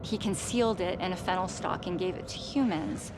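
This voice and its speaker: A woman's voice: on the low side, fairly quick, background noise. A woman giving an expert explanation in a documentary interview. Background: music.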